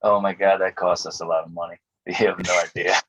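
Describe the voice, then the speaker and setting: A man being interviewed about his music career, telling stories in a casual, animated way and acting out the people he quotes. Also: low voice, fairly quick, crowd noise. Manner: animated storyteller acting out quotes, laughs often. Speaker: musician guest. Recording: dull lo-fi audio.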